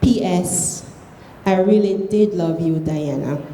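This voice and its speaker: A woman with a Belizean accent reads a short story aloud in a soft, mellow voice. The room rings with echo and there is faint noise behind the measured, expressive delivery. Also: fairly low pitch. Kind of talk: literary reading aloud of prose fiction.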